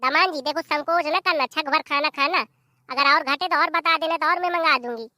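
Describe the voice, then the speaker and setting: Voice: sits high, normal speed, pushed and bright, no room sound. A performer voicing a bossy, scolding older mother-in-law.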